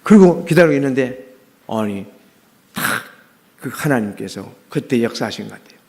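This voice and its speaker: A man's voice: medium pitch, animated, moderate pace, a little mellow. Earnest middle-aged male pastor preaching. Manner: earnest storytelling with many fillers and restarts. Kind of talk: sermon with personal testimony.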